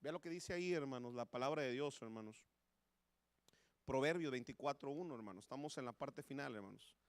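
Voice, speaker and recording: A man's voice: medium pitch, fairly quick, clean tone, no room sound, studio quality. A man with a Mexican Spanish accent preaching a sermon in church, impassioned and repeating "hermano" again and again. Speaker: pastor. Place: church sanctuary.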